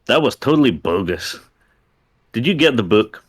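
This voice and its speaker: A man's voice: mid-range voice, big pitch swings, normal speed, slightly rough. A man voicing a laid-back young surfer dude with slangy, drawling talk.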